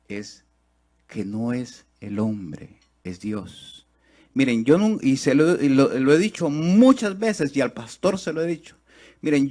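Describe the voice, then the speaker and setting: In church, a man delivers a sermon that surges into loud, high, rapid bursts of exhortation, then drops to low, slow, almost whispered lines. Again and again he faces the congregation with rhetorical questions.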